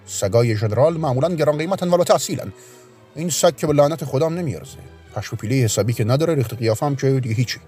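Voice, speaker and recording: A man's voice: medium pitch, animated, dark tone, soft background music, lightly acted. A man voicing a pompous, fickle middle-aged police officer in a storybook reading. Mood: bossy. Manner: bossy, blustering.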